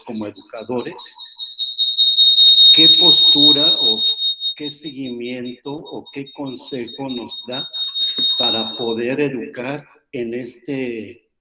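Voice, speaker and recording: A teacher asking a speaker a question politely and hesitantly. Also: male voice, mid-range voice, slow pace. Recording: roomy audio with loud background noise.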